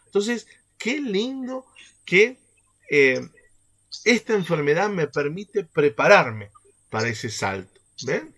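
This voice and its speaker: Lively man leading a faith workshop. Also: sits high, slow pace. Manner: animated, keeps checking in with the group through rhetorical questions. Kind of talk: teaching a catechesis workshop.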